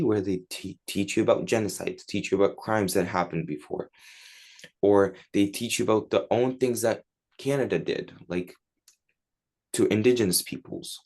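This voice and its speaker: A teenage guy from Turkey, whose first language is Turkish, answers interview questions as a guest in casual, chatty English full of "like" and "you know." His voice is deep with a darkish tone.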